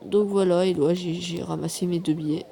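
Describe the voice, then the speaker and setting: Speaking fairly quickly in a high, steady voice with a dark tone and some vocal fry, a man comments casually over his mobile gameplay. He's a YouTuber who rambles, mocks himself, and uses many fillers, and his phone microphone picks up a little hiss or hum during the screen recording.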